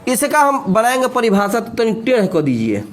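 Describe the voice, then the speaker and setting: A man's voice: very high voice, wildly swooping pitch, moderate pace, a little hiss or hum. A man teaching a physics class, explaining step by step and teasing his students with joking dialect asides.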